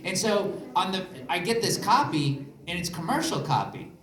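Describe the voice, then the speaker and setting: A man of middling pitch whose voice rises and falls a lot as he tells a rambling story, stopping and restarting. He sounds distant in an echoey hall, with an audience murmuring around him. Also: animated, crowd noise. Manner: halting, with false starts and fillers. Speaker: voice actor on a convention panel. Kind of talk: rambling anecdote and panel moderating. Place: convention panel hall. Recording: echoey hall, far mic, audience noise.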